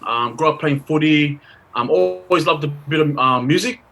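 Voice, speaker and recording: A young man talks as a podcast guest. His voice is bright and forward, and his casual chat is playful and full of slang. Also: a little high, moderate pace, creaky. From Australia. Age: 20s.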